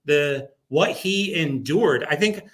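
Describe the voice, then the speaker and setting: This sports PA announcer, a guest on a radio interview, has a slightly high, somewhat bright voice and speaks slowly but with animation. His manner is casual, and he tells stories by repeating himself for emphasis.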